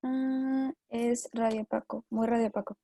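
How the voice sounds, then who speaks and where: A woman student answering her teacher in brief, hesitant bits. Her voice is gravelly and mellow and sits fairly high. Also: flat delivery, takes it slowly, slight background noise.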